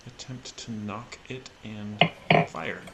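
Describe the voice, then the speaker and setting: A man's voice: on the low side, steady tone, slow pace, vocal fry, a bit bright, slight background noise. A man playing a tabletop game, thinking aloud hesitantly with fillers. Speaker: player.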